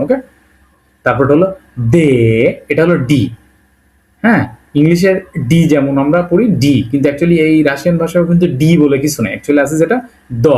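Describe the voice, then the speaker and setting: A patient male teacher walking beginners through an alphabet, one letter at a time. He repeats each sound slowly and keeps checking in with a quick "okay?". English words slip into his explanations now and then. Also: medium pitch, a little mellow. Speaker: language teacher. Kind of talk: Bengali-language alphabet lesson.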